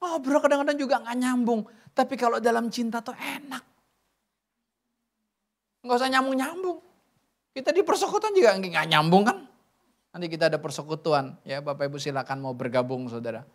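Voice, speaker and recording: A woman's voice: on the high side, lively intonation, a little fast, long pauses. A middle-aged woman preaching a sermon at a church service, chatty and joking, with many rhetorical questions.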